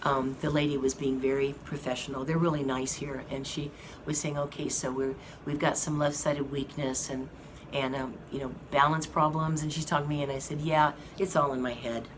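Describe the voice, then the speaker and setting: There's a steady fan hum behind this vlogger as she casually tells viewers how her health is going from a hospital rehab room. Her voice is hoarse and very deep with a level tone, and she speaks slowly, haltingly, with many fillers.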